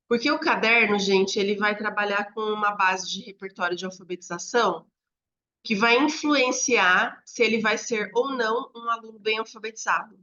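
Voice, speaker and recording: A Brazilian woman in a mid-range voice coaches teachers on classroom practice. She explains in a conversational, step-by-step way and keeps checking in with a quick "né?". The recording sounds slightly muffled and lo-fi, as if made at home. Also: medium pitch, sharp tone. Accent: Brazilian Portuguese. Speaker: teacher trainer. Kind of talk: instructional talk to teachers. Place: home room near a street. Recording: slightly dull lo-fi audio.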